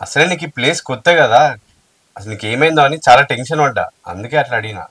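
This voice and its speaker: A man's voice: mid-range voice, lively intonation, quick pace, fairly bright tone, breathy edge, no room sound. A man acting a worried, apologetic young husband in a short film, soothing and pleading. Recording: distant mic with faint music.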